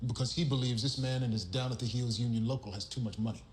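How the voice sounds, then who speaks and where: An actor playing a stern male police commander who speaks in a measured, authoritative way in a crime TV drama. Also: mid-range voice, steady tone, a little mellow, a little hiss or hum, natural voice. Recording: roomy TV clip.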